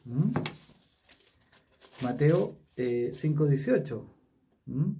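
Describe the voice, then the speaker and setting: A man with a Chilean Spanish accent leading a casual Bible study, talking haltingly with many fillers and tag questions. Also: a little high, expressive, mellow, recorded from a distance, slight background noise.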